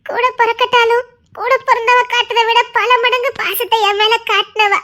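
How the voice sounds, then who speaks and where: A woman with a Tirunelveli Tamil accent playing a young woman who says a soft, tearful, polite goodbye in a comic skit. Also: very high voice, flat delivery, moderate pace. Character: young woman tearfully leaving her family.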